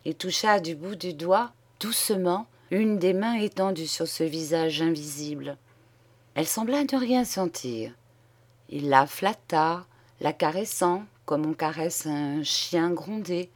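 Slow, measured woman narrator. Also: fairly low pitch. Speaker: audiobook reader. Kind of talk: literary narration.

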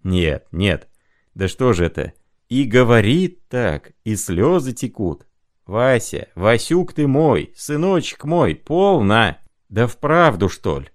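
A man's voice: mid-range voice, very animated, slow pace, no echo, studio quality. A man voicing an exclaiming, sensitive young clerk. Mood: astonished.

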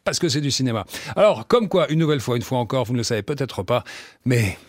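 A man's voice: mid-range voice, expressive, quick pace, no echo, studio quality. A man delivering a comic radio chronicle in a theatrical, mock-solemn way. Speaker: radio comedy columnist.

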